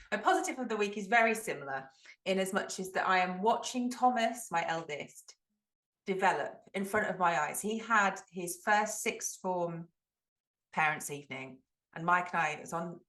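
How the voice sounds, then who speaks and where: Woman, 40s, podcast co-host; animated storyteller who plays out the quotes. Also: fairly low pitch, roomy sound. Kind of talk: casual chat.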